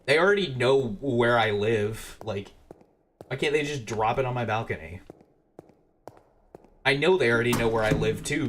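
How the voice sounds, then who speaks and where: A man's voice: lowish voice, slight background noise. A young man rambling and swearing as he comments on his own gameplay, muttering to himself between remarks, with keyboard typing behind him. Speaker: gaming streamer.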